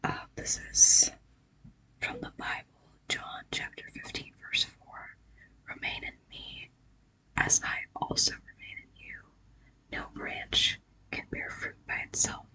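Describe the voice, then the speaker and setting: A person giving a whispered ASMR pep talk of affirmations and scripture, breathy, casual and halting, with gentle reassurance. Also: rough recording. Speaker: ASMR creator.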